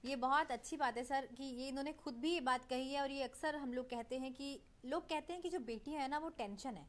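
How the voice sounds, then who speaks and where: Brief: woman TV interviewer, formal anchor delivery, fairly high pitch. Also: fairly quick. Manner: warm formal anchoring, mixing in English phrases. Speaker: TV host.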